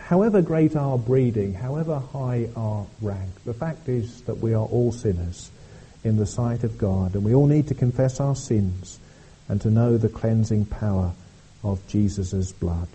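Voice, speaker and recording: A male preacher delivers a church sermon in an earnest, halting way, often doubling his words. His voice is dark and mellow, with a husky edge. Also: on the low side, rough recording. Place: church service.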